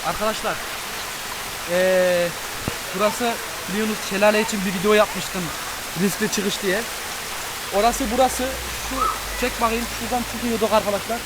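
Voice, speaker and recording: A man's voice: sits high, fairly even intonation, normal speed. A man vlogging, chatting casually to the camera and bantering with a friend outdoors. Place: outdoors near a waterfall stream. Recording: noisy outdoor camera recording.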